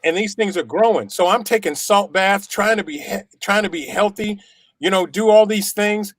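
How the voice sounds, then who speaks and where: A middle-aged man giving an animated personal testimony, repeating himself for effect and acting out the dialogue. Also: high voice, moderate pace, no echo, studio quality. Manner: animated, repetitive storyteller; acts out quoted dialogue. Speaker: testimonial guest. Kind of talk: personal storytelling.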